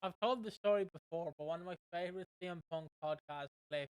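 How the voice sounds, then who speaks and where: A man's voice: high-pitched, fast, clear, resonant tone, dry recording. A man hosting a casual podcast, rambling along with lots of fillers and restarts. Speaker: podcast host.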